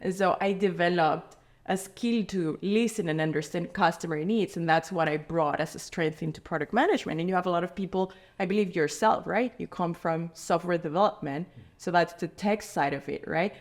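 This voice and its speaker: Woman, lowish voice, podcast host, thoughtful, hesitant, many fillers. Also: normal speed. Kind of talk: conversational podcast interview. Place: indoor room, in person with guest.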